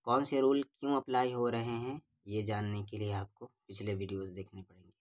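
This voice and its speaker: A man teaching Quran reading with tajweed, spelling out syllables one at a time and then reciting each verse slowly and drawn out. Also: mid-range voice, a little mellow.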